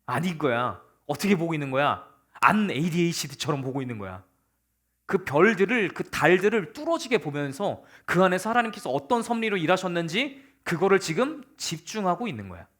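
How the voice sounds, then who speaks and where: A young man, a youth pastor, giving a casual, animated sermon to teenagers and acting out the psalmist's words. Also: high-pitched, brisk, hardly any pauses. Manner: talks to teens informally, calls them kids.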